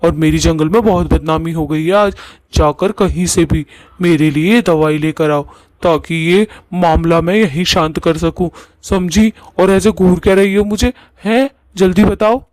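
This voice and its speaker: A man's voice: on the high side, a little slow, a little mellow, no room sound, lightly acted, poor audio. A man voicing a grumpy, bossy old blue ghost husband in a cartoon. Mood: bossy scolding. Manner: bossy, scolding, defensive. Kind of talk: cartoon voice acting.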